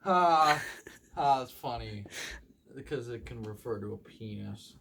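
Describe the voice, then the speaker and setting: A young man doing rambling stand-up comedy, halting with ums and likes and acting out the voices of people in his stories. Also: medium pitch, expressive, gravelly, fairly bright tone, a little hiss or hum. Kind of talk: rambling comic storytelling.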